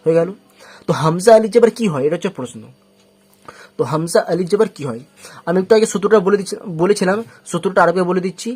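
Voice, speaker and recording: A man's voice: sits high, darkish tone, husky. Patient man teaching step by step. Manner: patient, repeats rules slowly and often, asks and answers its own questions. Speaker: Quran reading teacher. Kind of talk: step-by-step spoken lesson.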